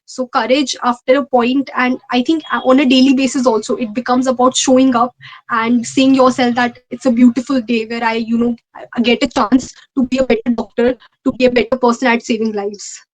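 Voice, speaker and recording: A woman's voice: a little high, level tone, fairly quick, low-quality recording. A young adult woman with an Indian accent giving earnest, conversational interview answers, repeating phrases for emphasis. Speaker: interview guest, medical postgraduate exam ranker.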